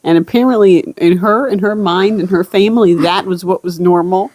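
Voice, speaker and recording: A woman's voice: lowish voice, moderate pace, darkish tone, dry recording. A woman co-hosting a podcast with casual banter and dry, teasing interjections. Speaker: podcast co-host.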